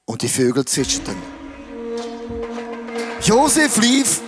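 A man's voice: high voice, huge pitch swings, slow pace, over music. A man preaching casually, retelling a story dramatically with slang. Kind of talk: sermon storytelling.

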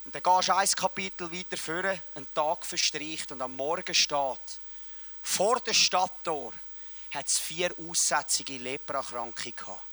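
A male preacher, retelling a story dramatically, swinging between loud and hushed. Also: on the high side, measured pace. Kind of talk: sermon storytelling.

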